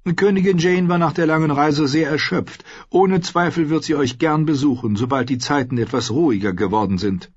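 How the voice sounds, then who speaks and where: A man's voice: on the high side, normal speed, hardly any pauses, breathy edge, no room sound, pitched above the performer's own voice. A man voicing a diplomatic, apologetic noblewoman. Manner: soothing, apologetic. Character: noble older woman, diplomatic. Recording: dull, slightly lo-fi audio.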